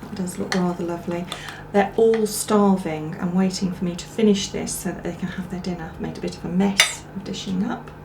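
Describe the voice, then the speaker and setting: A woman's voice: on the low side, fairly even intonation, brisk, few pauses. A woman hosting a home cooking demonstration in her kitchen, chatty and homely as she cooks and tastes. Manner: chatty and homely, talking while cooking and eating. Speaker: cooking show host. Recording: echoey room with clear background noise. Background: clatter of dishes and cutlery.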